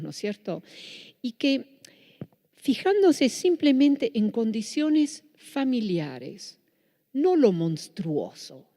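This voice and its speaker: Born in the Netherlands, a woman with a Buenos Aires Spanish accent gives a public lecture, often restarting and correcting herself. Her voice is fairly low, creaky, and warm, and the hall is reverberant.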